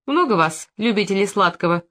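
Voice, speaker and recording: A woman's voice: medium pitch, lively intonation, a little fast, fairly bright tone, natural voice. A woman reading an audiobook, voicing an insolent, mocking petty-thief man. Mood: taunting.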